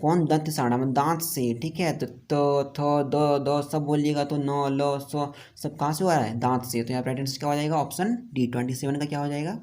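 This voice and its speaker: A man with a mellow, soft-edged voice and a Jharkhand accent teaches an exam-prep lesson. He works through quiz questions in order, asks each one aloud and answers it himself in a steady, explaining way. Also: on the high side, moderate pace, hardly any pauses. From India. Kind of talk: online lesson going over quiz answers.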